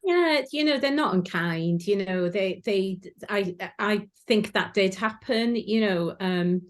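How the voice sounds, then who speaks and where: A woman whose first language is Welsh chats casually as a guest, telling stories full of fillers. She is a former sewing contestant, and her mid-range voice moves at a slow pace.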